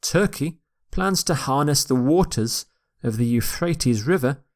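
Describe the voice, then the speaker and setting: A man teaching English vocabulary in a recorded lecture, repeating each word slowly and carefully for pronunciation. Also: medium pitch, expressive. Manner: slow, deliberate, repeats words for pronunciation.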